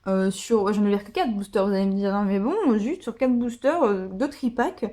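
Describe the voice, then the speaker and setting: A card-opening vlogger, this woman speaks fairly quickly in a medium-pitched, dark voice. She chats casually as she opens packs, raving about her pulls and sprinkling in plenty of fillers.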